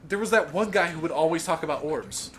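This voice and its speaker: Guy cohosting a game podcast, slightly high voice, giggly, keeps stalling on words. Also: lively intonation, fast talker, fairly bright tone, slight background noise. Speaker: co-host. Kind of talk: casual gaming podcast chat.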